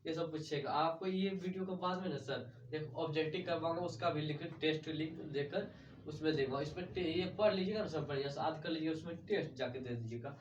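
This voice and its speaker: A grammar teacher drills his class by asking a question and answering it himself, calling everyone sir. His voice sits a little high. He is recorded from a distance on a muffled mic in an echoey room. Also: a little fast, noisy background. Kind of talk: grammar lesson with call-and-response drilling.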